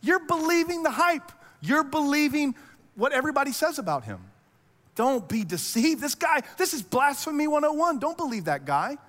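A man's voice: lively intonation, rapid-fire, hardly any pauses, pushed and bright. A man voicing exasperated male religious leaders who scold and mock, in a reverberant hall. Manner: shrill, impatient and mocking.

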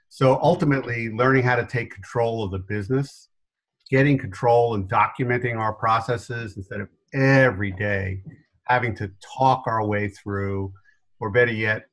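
A lowish, slightly bright voice belongs to a middle-aged New Yorker, now with only a faded accent, who is a business consultant appearing as a podcast interview guest. He tells stories, laughing frequently and punching up his asides.

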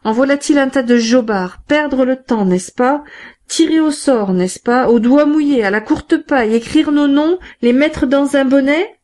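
Lady reading as a sly bossy bandit innkeeper, barks orders, scornful, pitched up and loud, mellow tone. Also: steady tone, moderate pace, close to an everyday voice. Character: scheming middle-aged male innkeeper bandit, sly and bossy.

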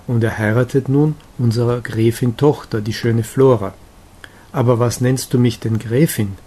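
A man reading a gentle, cheerful young woman's chatty, confiding lines in an audiobook of a romantic novella. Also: mid-range voice, steady tone, normal speed, husky, close to an everyday voice. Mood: fond.

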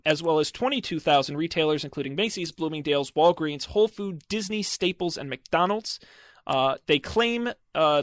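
A man's voice: a little high, fairly bright tone, no echo, studio quality. A man hosting a casual tech podcast, chatty and wry, with lots of fillers. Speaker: podcast host.

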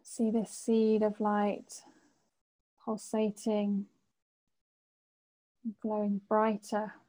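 A woman leading a guided meditation in a soothing sleep-story manner, with gentle, unhurried phrasing and long pauses. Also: mid-range voice, completely flat delivery, low-quality recording.

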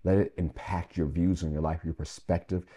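A pastor giving a devotional sermon, speaking with emphasis, slowing down and dropping to a hush on key phrases, and urging listeners to repeat after him. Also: male voice, sits low, steady tone, husky.

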